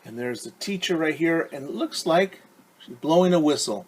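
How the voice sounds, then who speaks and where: A preschool teacher with a fairly high, slightly rough voice reads a picture book in an animated way at a moderate pace. His explanations are simple and instructive, aimed at young children.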